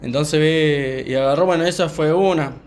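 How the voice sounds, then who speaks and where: A young man with a Rioplatense Spanish accent, calmly telling a personal story on a podcast, with many fillers. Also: fairly high pitch. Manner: calm, unhurried, many fillers. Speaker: podcast co-host. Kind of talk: casual storytelling chat.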